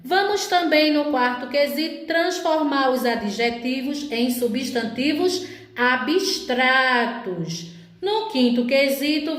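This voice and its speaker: A woman teaching a primary school class in a recorded lesson, with a Brazilian Portuguese accent, speaking slowly and stretching each syllable for young pupils. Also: high-pitched. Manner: slow, careful, drawn-out syllables for young pupils. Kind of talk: recorded remote lesson for children. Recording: very echoey room.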